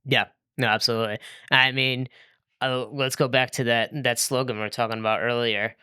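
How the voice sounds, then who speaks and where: A man co-hosting a casual film discussion podcast, chatty and wry, getting animated as he riffs. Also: mid-range voice, brisk, smooth. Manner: chatty, wry, gets animated when riffing. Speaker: podcast co-host.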